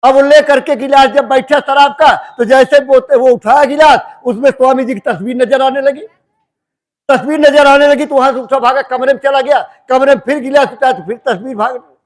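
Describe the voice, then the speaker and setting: A man's voice: extremely high pitch, fairly even intonation, a little fast. A man giving a devotional sermon, telling folksy parables in a colloquial way and acting out the dialogue. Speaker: satsang speaker.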